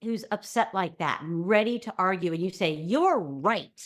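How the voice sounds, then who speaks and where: Lively middle-aged woman explaining as a guest. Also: lowish voice, a little fast. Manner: lively, breaks into acted-out quotes. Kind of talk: conversational interview explanation.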